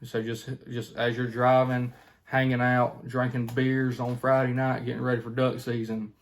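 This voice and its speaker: Folksy man, flat even pitch. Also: normal speed. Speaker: duck calling instructor, video host. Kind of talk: casual instructional chat.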